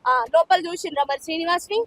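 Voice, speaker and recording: A woman's voice: very high voice, steady tone, fast talker, slight background noise. A woman TV reporter, pressing someone with questions in a street interview.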